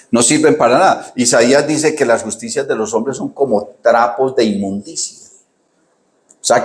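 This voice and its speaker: A male pastor, preaching an animated sermon full of rhetorical questions and direct address to his listeners. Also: mid-range voice, reverberant.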